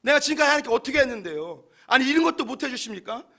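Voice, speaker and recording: A man's voice: extremely high pitch, lively intonation, very fast, gravelly, bright, forceful tone, voice pushed up, heavily acted. A pastor putting on Jonah, a whining defiant man. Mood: indignant whining. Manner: complaining, self-pitying, protesting.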